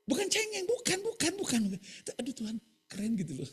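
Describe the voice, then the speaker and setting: A male pastor preaching a sermon, often asking the congregation "right?" and calling for louder amens. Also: very high-pitched, huge pitch swings, a little fast.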